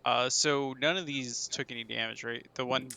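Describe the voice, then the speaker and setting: A man taking his turn in a tabletop game over voice chat. His voice is bright and forward at a middle pitch. He chats casually and cracks jokes between his moves. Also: steady tone, moderate pace, creaky, slight background noise. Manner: jokey, chatty, laughs often. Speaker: player.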